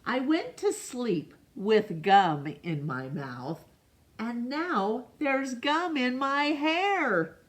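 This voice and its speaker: Storybook young boy played by a woman: aggrieved, dramatic, complaining, very drawn-out emphatic delivery. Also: on the high side, big pitch swings, pitched above the performer's own voice, heavily acted. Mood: glum, exasperated. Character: aggrieved, dramatic young boy narrating his awful day.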